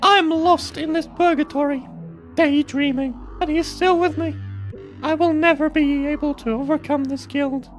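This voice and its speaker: A man voicing a grieving, guilt-ridden mother in a high, strained put-on voice, melodramatic over a game. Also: fairly even intonation, normal speed, soft background music. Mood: mournful.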